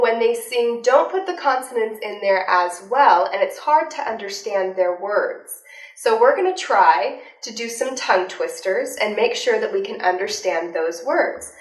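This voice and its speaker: A young adult woman giving a vocal lesson, explaining clearly and demonstrating with sung examples. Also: mid-range voice. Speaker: vocal instructor. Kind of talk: instructional voice lesson. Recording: roomy, from a distance, with faint music.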